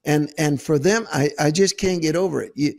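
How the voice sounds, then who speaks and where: A male host reacts to the news with emphatic disbelief and biting sarcasm. His voice sits a bit high and has a gravelly grain. He talks straight to his audience. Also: a little fast, a little mellow. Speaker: show host, preacher. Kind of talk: casual political commentary.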